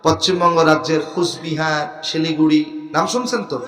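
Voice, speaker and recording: A man from Bangladesh, preaching a sermon at an outdoor gathering under a large tent. He swings from quiet coaxing to shouted calls for the crowd to respond. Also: fairly high pitch, fairly even intonation, normal speed, roomy sound, in a large hall, faint music behind. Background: crowd of listeners.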